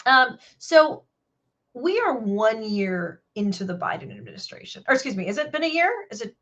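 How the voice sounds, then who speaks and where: A woman's voice: on the high side, big pitch swings, moderate pace, fairly bright tone. A woman hosting an interview show, chatty and enthusiastic, asking clarifying questions. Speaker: show host.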